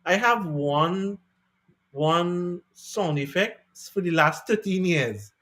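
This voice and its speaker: Guy hosting a music podcast, kinda high voice, laid back and chatty. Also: takes it slowly. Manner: relaxed, chatty, encouraging. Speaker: podcast host and DJ. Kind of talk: casual interview chat.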